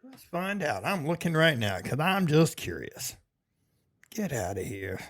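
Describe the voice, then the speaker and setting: A man's voice: a little high, sing-song, unhurried. A man co-hosting a casual sports podcast, laid-back and swearing, calling his friend bro and dude. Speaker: podcast co-host.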